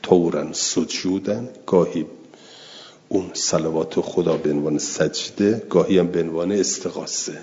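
A man's voice: sits low, fairly even intonation, warm tone. A man teaching a religious lesson, explaining an Arabic text word by word in a conversational way and repeating terms as he defines them. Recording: dull lo-fi recording with long reverb.

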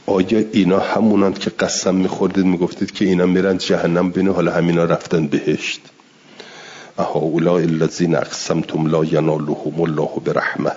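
Man, deep husky voice, lecture-style Quran exegesis, slow Arabic readings with plain explanations, muffled lo-fi sound. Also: darkish tone. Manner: reads Arabic passages slowly, then explains in Persian. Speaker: Quran commentary teacher. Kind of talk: religious lesson on Quran exegesis.

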